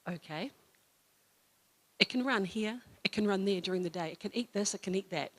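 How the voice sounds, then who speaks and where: A woman's voice: medium pitch, normal speed. Chatty New Zealand woman giving a sermon. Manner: storytelling, chatty with fillers and self-corrections. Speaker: church speaker. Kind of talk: informal sermon talk. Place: church hall.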